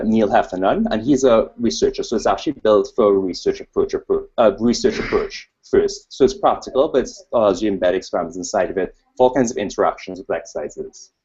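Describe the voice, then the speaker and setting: Captured on dull, lo-fi webcast audio, a researcher from Trinidad with a Trinidadian accent presents informally at a conference with slides, wandering off on tangents and poking fun at himself. He speaks fairly quickly in a fairly low, slightly mellow voice with a breathy edge.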